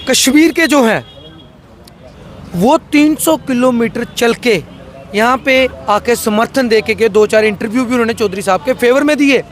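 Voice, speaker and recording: A man's voice: very high voice, moderate pace. A man, a social activist, speaking with fiery, rhetorical passion in a political interview, repeating phrases for emphasis. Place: outdoors by a road.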